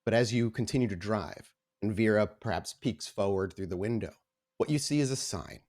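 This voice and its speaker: A man hosts an actual play tabletop roleplay podcast and serves as its game storyteller, moving from casual announcements into slow narration that sets the scene. His voice is fairly low and a little mellow, at normal speed.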